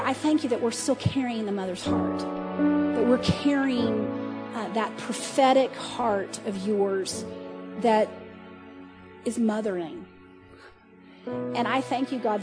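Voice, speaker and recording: A woman in her forties with a fairly high voice preaches a casual, conversational sermon at a church service. She's animated, laughing frequently and restarting her sentences.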